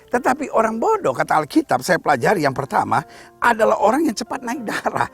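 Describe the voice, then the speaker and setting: Lively, gravelly-voiced pastor preaching. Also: male voice, high-pitched, brisk, soft background music. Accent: Indonesian. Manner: animated, jokey preaching with rhetorical questions. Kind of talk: sermon. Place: outdoors at a rocky site.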